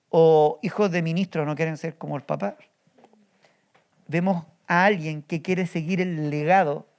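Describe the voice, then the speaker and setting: A male pastor preaching a sermon, telling a story with energy and often asking the congregation rhetorical questions. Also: sits high. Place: church.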